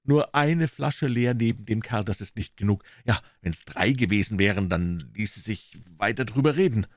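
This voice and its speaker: A man voicing an excitable, frightened boy. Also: fairly low pitch, moderate pace, no room sound, clean studio sound, voice pushed up, natural voice. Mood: excited. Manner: breathless, excited storytelling. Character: excitable scared boy adventurer.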